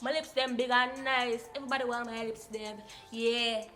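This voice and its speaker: A woman's voice: fairly high pitch, little pitch movement, moderate pace, pushed and bright, soft background music. A woman with a Jamaican accent reading out comments in casual banter and answering them with sassy sarcasm. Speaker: co-host of a YouTube reaction video.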